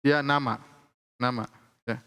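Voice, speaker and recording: A man's voice: mid-range voice, fairly even intonation, fairly bright tone, smooth. Man teaching in an echoing hall. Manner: explains slowly, repeats examples, frequent "ya" checks. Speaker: Arabic grammar teacher. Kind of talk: classroom lecture. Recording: long hall reverb.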